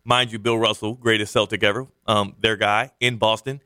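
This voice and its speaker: A man's voice: on the low side, little pitch movement, normal speed, bright, forceful tone, clean tone, no echo. A man co-hosting a sports talk radio show, talking emphatically with playful trash talk in a radio studio.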